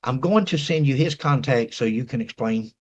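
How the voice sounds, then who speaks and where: Male host, Appalachian accent, folksy rambling delivery, medium pitch, casual chat to an online audience. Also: normal speed, dull audio. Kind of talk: casual talk to viewers, reading messages aloud.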